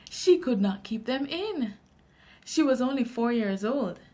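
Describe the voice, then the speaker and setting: With a Jamaican accent and a high-pitched voice, a woman reads a children's story aloud, expressive and deliberate like a storyteller.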